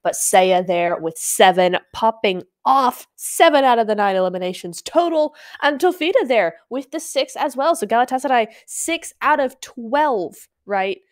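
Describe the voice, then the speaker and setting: A woman's voice: on the high side, expressive, normal speed, hardly any pauses. A woman casting a live esports match, chatty and exclaiming as she reads out stats with her co-caster.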